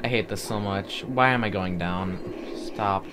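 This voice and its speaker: A man's voice: lowish voice, measured pace, background noise. A man giving casual, self-deprecating commentary while playing a video game, groaning and pleading at it. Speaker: gaming commentator. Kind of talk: casual let's-play commentary. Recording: faint game music behind.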